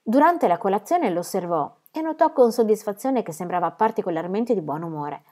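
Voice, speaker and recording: A woman narrating a novel as an audiobook reader, with a measured, expressive delivery. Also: medium pitch. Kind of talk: scripted literary narration.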